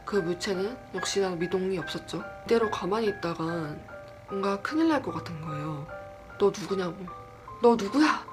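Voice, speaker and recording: Lively woman telling a scary story. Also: lowish voice. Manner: lively, acts out quoted lines; self-deprecating, chatty asides. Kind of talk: casual horror storytelling.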